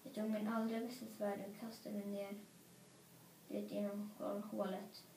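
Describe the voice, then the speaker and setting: A woman reading a children's story aloud in an expressive, playful way. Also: mid-range voice, a little hiss or hum. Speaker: storybook reader. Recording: roomy echo.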